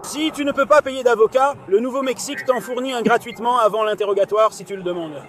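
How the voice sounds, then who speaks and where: A man's voice: very high-pitched, fast talker, fairly bright tone. A man as a police officer in dubbed bodycam dialogue, steadily reading out procedural rights.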